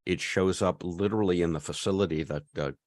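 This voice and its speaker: A man's voice: sits low, fairly quick, darkish tone. A man in his fifties co-hosting a podcast, telling a long story in casual chat with many restarts. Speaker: podcast co-host.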